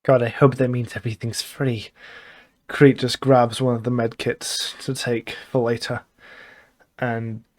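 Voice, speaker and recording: A player slowly and deliberately describing their character's actions, sounding amused. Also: mid-range voice, flat delivery. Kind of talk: describing a character in a tabletop game.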